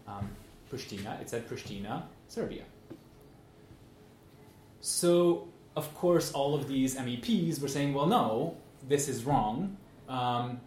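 Male academic-style speaker, medium pitch, informal and anecdotal, frequent check-ins, roomy sound. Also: a little mellow. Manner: conversational, checks in often with "right?". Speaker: speaker giving a talk. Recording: echoey room with faint noise.

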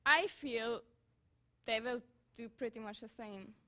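A young woman from Switzerland speaks from the audience at a debate. Her voice is high, and she is informal, often restarting and correcting herself. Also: takes it slowly, bright, forceful tone. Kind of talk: spontaneous comment at a public debate.

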